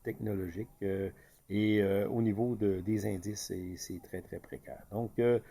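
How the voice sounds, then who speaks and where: A man's voice: lowish voice, steady tone, measured pace, gravelly, dark tone, husky. A man with a Québécois accent, speaking in a casual commentary full of fillers and restarts. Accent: Québécois French. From Quebec. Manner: hesitant, many fillers and restarts. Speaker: market commentator.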